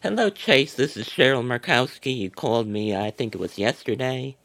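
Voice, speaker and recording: A man's voice: mid-range voice, big pitch swings, normal speed, a bit bright, pitched above the performer's own voice. A man voicing a chatty middle-aged woman caller who rambles with hesitations and drawls endearments. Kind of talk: prank phone call.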